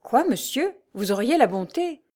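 A woman voicing a naive young provincial gentleman, speaking with formal courtesy. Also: a little high, very animated, unhurried. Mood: grateful.

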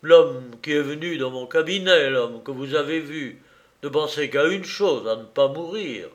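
Indignant police prefect in a storybook reading, read by a man, slow and emphatic. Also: on the high side, dull audio, close to an everyday voice. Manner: indignant, emphatic, stumbling protests. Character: agitated man, a police prefect, middle-aged.

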